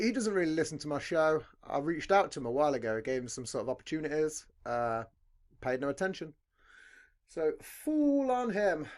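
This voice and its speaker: A young British man chats on his podcast, rambling and swearing freely with an animated, sing-song delivery. His voice sits a little high for a man. He talks into a headset mic in a dim room at home. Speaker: podcast host. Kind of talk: casual chat.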